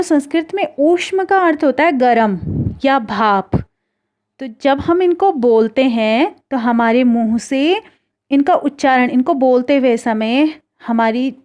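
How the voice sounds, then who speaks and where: A woman's voice: on the high side, darkish tone. A woman teacher giving a patient lesson on how speech sounds are made, having children repeat after her. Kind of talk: classroom lesson on pronunciation.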